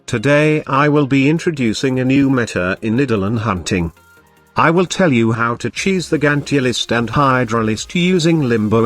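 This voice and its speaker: A man hosting a gaming channel, giving an earnest scripted voice-over tutorial with a dry touch of sarcasm. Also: medium pitch. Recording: background music under voice-over.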